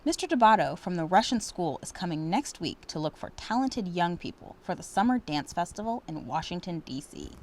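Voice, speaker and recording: A woman's voice: lowish voice, big pitch swings, fairly quick, hardly any pauses, a little hiss or hum. A woman reading the lines of a ballet teacher in a children's storybook. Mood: announcing.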